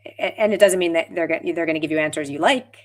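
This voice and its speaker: A woman's voice: low voice, fast. A woman co-hosting a casual podcast chat, talking with hesitant starts and laughs. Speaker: co-host.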